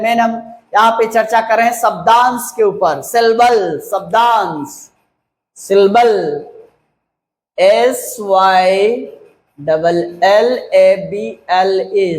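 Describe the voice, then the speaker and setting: In an echoey room, a high-voiced man works through a grammar lesson with his class. Going slowly, he repeats the important words, spells each one out letter by letter, and regularly checks understanding with "clear?"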